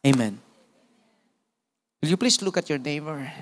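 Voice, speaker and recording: A Filipino-accented male pastor in his forties preaches with lively energy, punctuating his points with amen and praise God. His voice sits a little higher than most men's. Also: measured pace. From Philippines. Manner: animated preaching with frequent call-outs of amen and praise God. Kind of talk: sermon.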